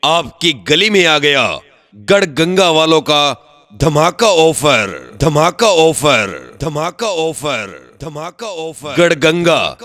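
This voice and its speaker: A high, bright male voice calls out a vendor's offer in a sing-song hawker's style. He speaks slowly and drawn out, repeating each slogan. The recording is dry and close. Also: dry recording. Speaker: street vendor announcer. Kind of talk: recorded loudspeaker sales pitch.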